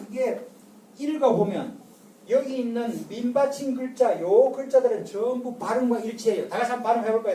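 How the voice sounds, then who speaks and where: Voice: mid-range voice, mellow, distant mic, a little hiss or hum. Older lecturer in an echoey room. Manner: drills the audience with call-and-response and repeated rhetorical questions. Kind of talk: public lecture.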